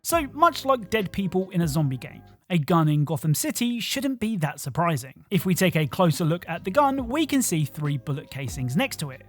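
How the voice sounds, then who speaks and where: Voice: mid-range voice, sing-song, normal speed, hardly any pauses, soft background music. A host narrating a scripted video game countdown with wry, joking asides.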